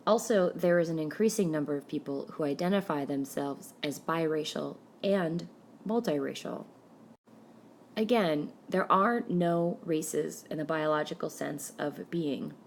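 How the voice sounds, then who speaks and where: Low-voiced woman giving a measured lecture. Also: slight background noise. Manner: measured, listing points one by one. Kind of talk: recorded lecture narration.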